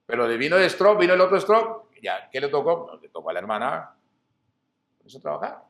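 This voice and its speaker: A middle-aged male pastor delivers a sermon in a fairly high voice. He keeps asking the congregation questions and answering them, and he repeats his key phrases for emphasis. The sound is roomy, with the echo of a church hall. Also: sing-song, a little fast, fairly bright tone.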